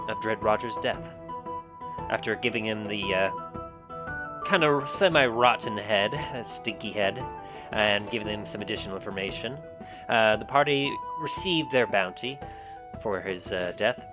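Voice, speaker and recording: A man working as game master, narrating a tabletop fantasy adventure in a halting storyteller delivery. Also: on the low side, animated. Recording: prominent guitar music behind voice. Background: guitar music.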